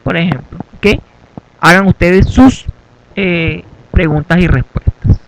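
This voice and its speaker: A man's voice: high-pitched, slow pace, a little hiss or hum, poor audio. A man teaching an English lesson in Spanish, giving instructions step by step and checking in with "ok" again and again. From Venezuela. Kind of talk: classroom lesson.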